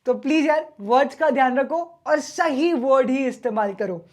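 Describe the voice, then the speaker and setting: High-voiced casual male teacher. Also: moderate pace, a little mellow. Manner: casual, chatty, mixes Hindi and English. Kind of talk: online exam-prep lecture.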